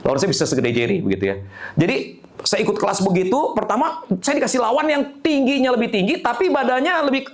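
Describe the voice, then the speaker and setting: Animated man preaching with a lively voice. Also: extremely high pitch, quick pace. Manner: animated, humorous storyteller. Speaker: pastor. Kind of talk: storytelling sermon.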